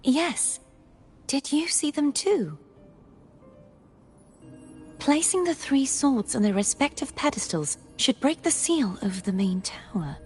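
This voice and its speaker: An actress voicing a youthful holy maiden in video game dialogue, speaking softly, earnestly and formally. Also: female voice, high-pitched, lively intonation, takes it slowly, pauses often, faint music behind.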